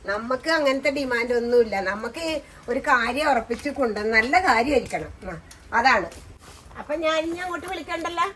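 A woman's voice: fairly high pitch, fairly bright tone, a little hiss or hum. A woman playing a nagging mother-in-law. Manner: nagging, scolding with repeated challenges. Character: domineering scolding mother-in-law, middle-aged woman. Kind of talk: amateur short-film acting.

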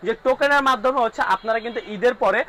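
High, rapid Bangladeshi salesman. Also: pushed and bright, rough recording. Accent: Bangladeshi Bengali. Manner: keeps checking in with "all right?", repetitive sales patter. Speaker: drone shop salesman. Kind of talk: rapid-fire price rundown.

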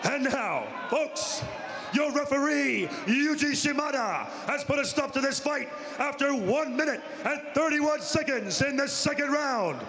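A man booming out formal fight announcements as a ring announcer, with drawn-out, shouted delivery of names. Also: animated. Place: large indoor fight arena. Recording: echoey arena PA with crowd noise.

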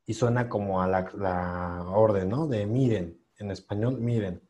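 A man's voice: on the low side, a little slow, mellow. A man teaching English pronunciation in an online class, patiently drilling sounds and encouraging students.

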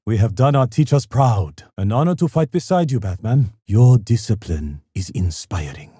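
A grave, honorable samurai warrior for a video game. His voice is very dark and husky, with a lively rise and fall under formal, measured phrasing. He is stoic and unfailingly polite. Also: medium pitch, dry recording, studio quality. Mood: gracious, composed. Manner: formal, measured, solemn, no contractions. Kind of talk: video game character voice lines.

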